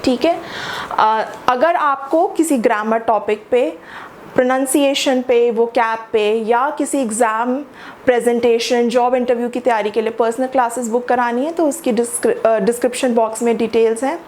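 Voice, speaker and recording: A woman teaching an English lesson, patiently explaining and slowing down to model stressed words. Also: on the high side, darkish tone, a little hiss or hum.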